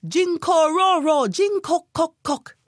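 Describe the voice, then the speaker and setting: A woman voicing little toad children who answer in sing-song croaking calls. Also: very high voice, slow, no room sound, studio quality, voice pushed up. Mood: chirpy. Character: small chirping toad children.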